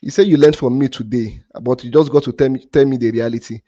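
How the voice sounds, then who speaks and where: A man's voice: medium pitch, fairly even intonation, fast talker, dark tone, no room sound, highs cut off. A man hosting a crypto trading livestream, talking to his chat and breaking into heated, profane rants at a viewer, with many repeats and restarts. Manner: heated, swearing rant at a viewer; repetitive, restarts often. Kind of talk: live stream talk to chat.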